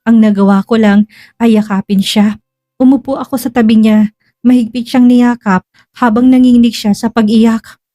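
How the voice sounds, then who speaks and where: A woman telling a first-person dramatic story in a slow, hushed, emotional way. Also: fairly high pitch, fairly even intonation, no room sound, studio quality.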